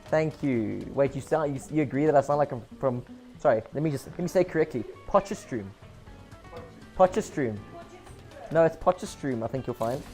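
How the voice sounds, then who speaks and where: A man's voice: mid-range voice, fast talker, mellow, soft background music. Rambling joking New man. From New Zealand. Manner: rambling, joking, self-correcting. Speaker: game streamer. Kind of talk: casual live gameplay stream.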